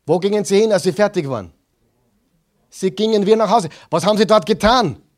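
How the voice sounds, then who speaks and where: A man preaching a sermon as pastor, asking the congregation questions and answering them himself, swinging between loud stressed phrases and quiet asides. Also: high-pitched, brisk.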